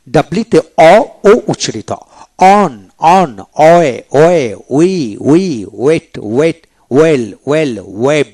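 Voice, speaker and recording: A man teaching English pronunciation in a video lecture, saying each example word twice in a slow, deliberate way. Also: medium pitch, darkish tone.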